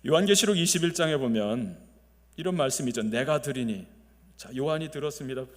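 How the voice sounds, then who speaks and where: A male pastor preaching a Sunday sermon, swinging between loud emphasis and soft, quiet phrases, and leading the congregation to repeat after him. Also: medium pitch, expressive, brisk. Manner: leads the congregation in call-and-response. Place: large church sanctuary. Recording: long reverb of a church sanctuary.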